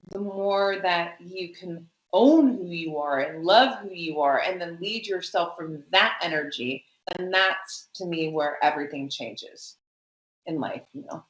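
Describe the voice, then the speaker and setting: A woman guest talking in an animated, emphatic way with many fillers in a conversational interview. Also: on the low side, reverberant, poor audio.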